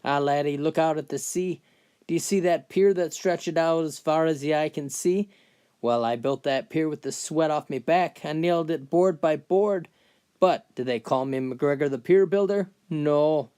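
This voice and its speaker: A man's voice: on the high side, moderate pace, mellow, clean tone, pitched above the performer's own voice, lightly acted. A man voicing a boastful old bar owner who complains about his reputation in a proud old-timer's lilt. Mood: proud grumbling.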